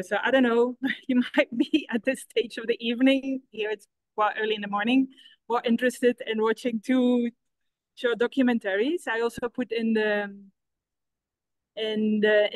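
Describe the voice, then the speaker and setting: A middle-aged woman from Belgium, a researcher explaining her project at an online conference in a measured way with some restarts. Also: a little high, no echo, rough recording. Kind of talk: conference talk over a video call. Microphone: video call.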